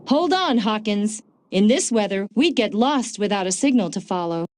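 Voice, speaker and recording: A woman voicing a smart, dry-witted female agent in a video game, calm and informative with a touch of sarcasm. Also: mid-range voice, moderate pace, dry recording, close to an everyday voice. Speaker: game character, field agent. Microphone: dry studio mic.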